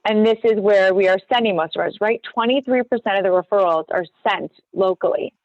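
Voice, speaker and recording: A woman co-hosting an online real estate training, chatting casually as she walks through a screen-share tutorial with quick apologetic asides. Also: mid-range voice, no echo. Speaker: real estate agent and co-host. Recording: dull, dry lo-fi video call.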